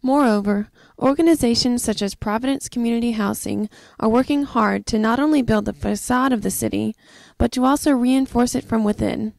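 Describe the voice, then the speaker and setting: A woman reads a scripted documentary narration in an even, steady way. Her voice is a little higher than most and has a gravelly fry under a dark, mellow tone. The recording is dry and close. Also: brisk, hardly any pauses, dry recording.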